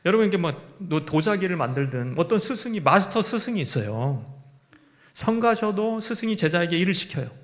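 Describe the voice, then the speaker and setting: A man's voice: high voice, sing-song, fairly quick. A male pastor preaching a sermon in a conversational way, asking the congregation question after question.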